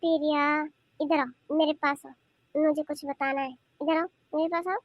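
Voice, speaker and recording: A woman voicing a sweet-talking, sly young aunt in a cartoon who coaxes and plots quietly. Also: high-pitched, fairly even intonation, moderate pace, dry recording, muffled recording, natural voice. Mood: coaxing. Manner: sweet, coaxing, conspiratorial. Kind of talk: cartoon voice acting.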